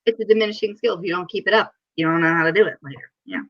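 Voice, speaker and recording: A woman's voice: on the low side, racing. A woman hosting a casual livestream chat, giggly and talkative, reading viewer comments aloud. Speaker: livestream host. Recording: dull lo-fi stream audio.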